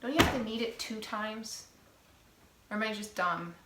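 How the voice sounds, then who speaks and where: A woman's voice: medium pitch, normal speed, very noisy. Exasperated woman vlogging in an echoey kitchen. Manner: self-mocking, exasperated, swears casually. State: out of breath. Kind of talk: casual vlog chat while baking. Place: home kitchen.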